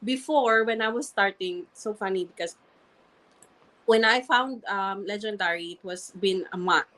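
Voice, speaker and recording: Speaking with a heavy non-native accent, this woman, a registered nurse who also does online marketing, tells her story candidly in conversation as an interview guest, often repeating herself and beginning phrases again. Her mid-range voice is pushed and bright, moderately paced, on a rough recording.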